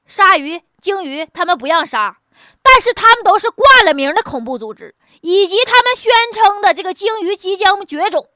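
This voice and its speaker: A woman's voice: extremely high pitch, bright, forceful tone, no echo, studio quality. A woman with a Northeastern Chinese accent giving casual, humorous news commentary in a blunt, mocking, colloquial way full of rhetorical questions. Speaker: host.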